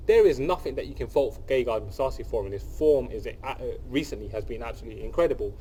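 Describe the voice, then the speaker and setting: Poor audio captures a young man with a cold, sniffling as he hosts his channel and talks through an upcoming fight to camera. He's a fast talker with lively intonation, a mellow, medium-pitched voice and a breathy edge, enthusiastic and casual, repeating phrases and restarting amid lots of fillers.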